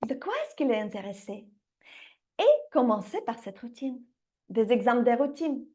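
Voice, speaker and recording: A woman who teaches English to young children, talking straight to parents in a lively online lesson. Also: a little high, normal speed. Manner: lively, addresses parents directly, laughs now and then. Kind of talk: direct-to-camera online lesson pitch.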